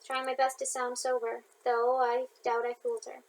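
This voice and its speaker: A woman's voice: fairly high pitch, monotone, moderate pace, gravelly, low-quality recording. A young woman reading her own audiobook aloud in an informal way, with slips and chatty asides to listeners. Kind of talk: audiobook narration.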